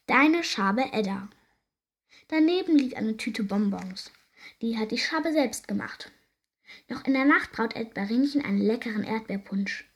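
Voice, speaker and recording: A woman reading a children's story aloud in a gentle, lively way. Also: fairly high pitch, normal speed, husky.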